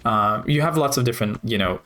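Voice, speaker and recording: A man's voice: mid-range voice, animated, brisk, pushed and bright. A man casually commenting while playing a video game, rambling and thinking aloud with many fillers. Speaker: gaming video host.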